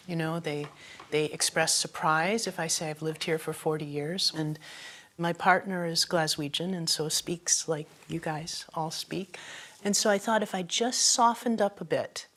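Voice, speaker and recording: A middle-aged or older woman with an American accent, talking candidly in a measured, thoughtful way. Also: low voice, fairly even intonation, fairly bright tone. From United States. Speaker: elocution student. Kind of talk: candid conversation.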